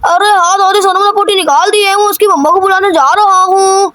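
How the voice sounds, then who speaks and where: A woman's voice: extremely high pitch, steady tone, brisk, a bit bright. A woman voicing a cheeky young village boy in a cartoon, teasing and chatty.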